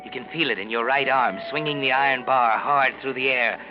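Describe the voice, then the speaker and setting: A man with a natural, mid-range voice narrates a 1940s radio suspense play as a guilty man's inner voice, menacing and taunting. He speaks in a measured, insinuating, sinister way, addressing the character as "you." The recording is muffled, with music behind.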